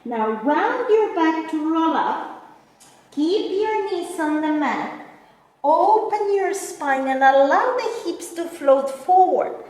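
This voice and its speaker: A woman working as a Pilates instructor, guiding a mat class with step-by-step cues and counts in a gentle, encouraging manner. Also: very high-pitched, expressive, slow pace. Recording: very echoey, reverberant room, distant mic.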